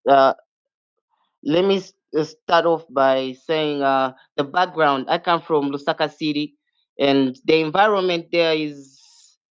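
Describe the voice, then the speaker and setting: A man's voice: a little high, fairly even intonation, a little slow, clear, resonant tone. A young man from Zambia, a rapper guest who answers in a hesitant way with many fillers. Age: young adult. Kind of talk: casual interview answers. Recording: dull lo-fi sound.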